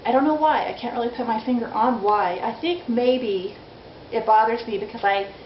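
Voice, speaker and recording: Speaking at a normal speed in a slightly high voice, a vlogger in her forties is frank and self-deprecating in her casual video diary. The lo-fi recording sounds dull, with echo from the room and faint noise.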